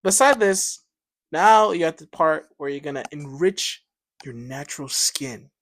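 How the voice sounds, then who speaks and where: A man's voice: fairly high pitch, lively intonation, a little slow, fairly bright tone. A young man co-hosting a casual podcast chat, joking and laughing often. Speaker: podcast co-host.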